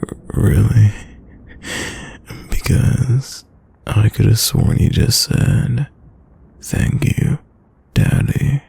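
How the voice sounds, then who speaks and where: Man acting as a slow, gravelly, breathy boyfriend, whispered role-play. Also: fairly low pitch, mellow, exaggerated voice. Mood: tender, curious. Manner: slow, soothing, intimate murmur. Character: tender, protective, gently dominant boyfriend soothing his partner.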